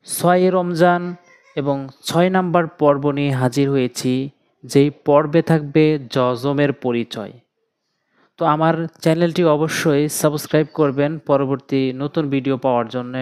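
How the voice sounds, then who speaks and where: A man's voice: medium pitch, a little mellow, smooth. A man teaching Quran reading, spelling out letters and vowel marks and repeating each syllable in a patient lesson style. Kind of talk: slow spelled-out recitation lesson.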